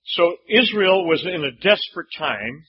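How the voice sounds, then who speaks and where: A male pastor preaching at a pulpit microphone, pausing for an interpreter and emphatically repeating words as he builds a point. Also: high voice, animated, dull audio, a little hiss or hum. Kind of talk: sermon with line-by-line interpreter.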